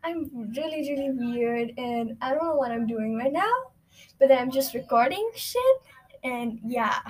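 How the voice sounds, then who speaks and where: A woman's voice: high-pitched, lively intonation, measured pace. A teenage girl talking casually into a recording, rambling and reflective with lots of fillers. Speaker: student.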